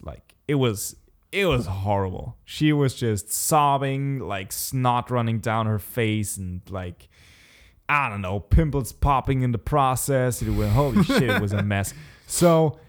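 A man casually telling a story in a chat, swearing often and laughing as he talks. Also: medium pitch. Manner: laid-back storyteller, swears often, laughs mid-sentence.

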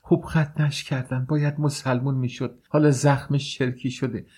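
A man's voice: mid-range voice, flat delivery, dark tone, breathy edge, voice pushed up, natural voice. A male narrator voicing a weary, grumbling maidservant woman in an audiobook, complaining defensively. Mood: exasperated.

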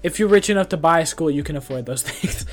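A man's voice: a little high, animated, fast, faint music behind. A young man in casual voice chat, talking in a slangy frat-bro manner. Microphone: voice chat on Discord.

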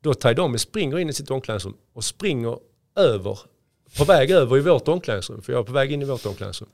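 A man's voice: medium pitch, expressive, creaky, darkish tone. A man in his forties, a former player turned coach, telling anecdotes in a casual podcast and acting out what others said.

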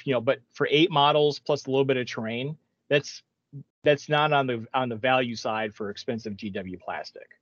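A man's voice: mid-range voice, normal speed, fairly bright tone, dry recording, lo-fi sound. Dry-sounding man rambling in podcast chat. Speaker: podcast co-host. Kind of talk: casual chat.

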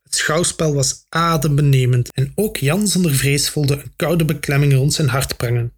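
A man reading a children's adventure story aloud with steady, expressive narration. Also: a little high, normal speed, breathy edge. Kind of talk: audiobook narration.

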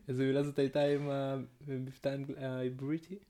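A man with a middle-pitched voice co-hosts a casual podcast chat. He chimes in with quick, playful wisecracks and teasing questions. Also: warm tone. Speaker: podcast co-host.

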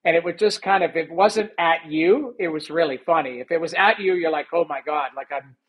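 A man, a former hockey goalie, telling stories in a casual interview, animated and rambling with many fillers. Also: a little high, brisk, husky, muffled recording.

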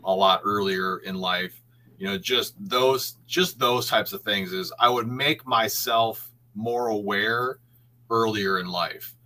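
Brief: male podcast guest, lowish voice, bright tone, reflective and rambling. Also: slow pace, poor audio. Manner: reflective, thinks aloud with many restarts. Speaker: guest artist, printmaker. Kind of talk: casual podcast conversation.

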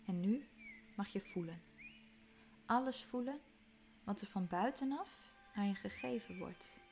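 Woman, calm meditation guide, unhurried delivery, faint music underneath. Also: medium pitch. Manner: slow, calm, soothing instructions with soft whispered moments.

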